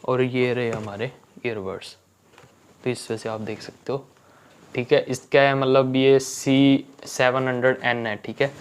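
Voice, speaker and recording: A man's voice: medium pitch, level tone, a little slow, clean tone. A young man chatting casually in a home unboxing vlog, often checking in with "okay" as he goes. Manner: chatty, keeps saying "theek hai". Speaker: vlogger.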